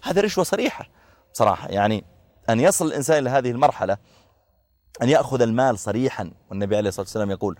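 Male religious teacher, quick conversational delivery, uses everyday examples, dry recording. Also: medium pitch, expressive, a little mellow, dry recording. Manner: explains through everyday examples, with frequent filler pauses.

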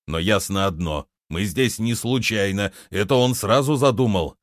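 A man voicing a weary, grumbling middle-aged ploughman who mutters in a low, gloomy way, as in an audiobook reading. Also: moderate pace, no room sound, clean studio sound, natural voice.

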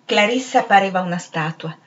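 A woman narrating a literary novel as an audiobook reader, with a measured, expressive delivery. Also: mid-range voice, dull audio, a little hiss or hum.

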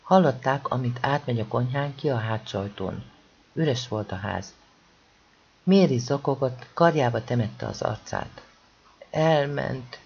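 Expressive audiobook reader, dull recording. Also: creaky, slightly rough. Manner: expressive reading with wide swings in pitch and loudness. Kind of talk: scripted narration of a novel.

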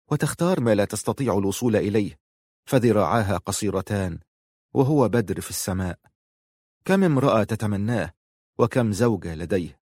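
A man narrating a novel in a measured, emotive way. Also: fairly low pitch, a little mellow, no room sound, clean studio sound. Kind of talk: audiobook narration.

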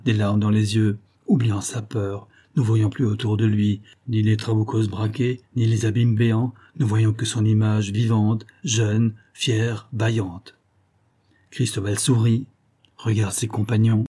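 A man narrating a literary audiobook in a measured, expressive storytelling manner. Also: on the low side, slightly rough.

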